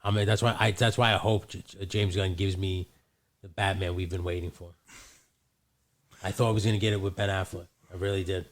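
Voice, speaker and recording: A man's voice: low voice, level tone, a little fast. A man co-hosting a podcast, chatting loosely with plenty of swearing and restarts. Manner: loose and profane, with frequent restarts. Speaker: podcast co-host. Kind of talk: casual chat.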